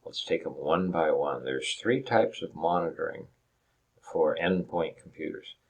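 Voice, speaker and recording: Low-voiced man lecturing over slides. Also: animated, unhurried, vocal fry, husky. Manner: explains step by step with restarts and rhetorical questions. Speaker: instructor.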